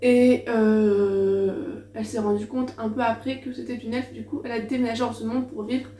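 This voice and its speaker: Woman, book vlog host, higher voice, mellow tone, hesitant chatty delivery, echoey room, mic a bit far off. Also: level tone, normal speed. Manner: hesitant, many fillers and restarts, self-mocking. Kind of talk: casual book presentation vlog. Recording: echoey room, mic at a distance, faint hum.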